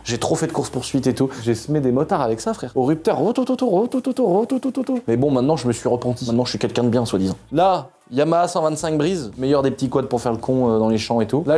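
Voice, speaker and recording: A man's voice: medium pitch, fast, hardly any pauses, warm tone. A man vlogging casually as he shows off his vehicles, slangy and joking with crude banter. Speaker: YouTuber showing his garage. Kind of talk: casual vlog.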